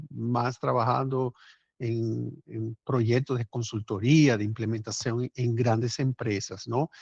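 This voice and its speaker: A man from Cuba with a Cuban accent softened by years in Brazil, a company founder giving a conversational webinar presentation over a remote call, often adding tag questions. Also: mid-range voice, vocal fry, no echo, highs cut off. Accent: Cuban Spanish softened by years in Brazil. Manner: conversational, frequent tag questions, some restarts. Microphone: remote video call.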